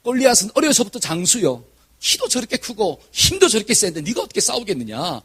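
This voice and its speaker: A doubting king turns down a boy's offer in a dismissive, husky voice, as a male preacher acts him out. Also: high-pitched, huge pitch swings, fairly quick, fairly bright tone, full character voice. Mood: doubtful.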